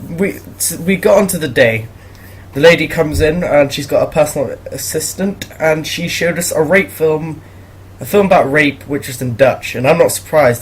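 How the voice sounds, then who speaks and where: A man's voice: fairly high pitch, breathy edge. A teenage boy telling awkward school stories in a casual, rambling way, laughing as he goes. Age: teens. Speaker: vlogger. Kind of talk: casual storytelling commentary.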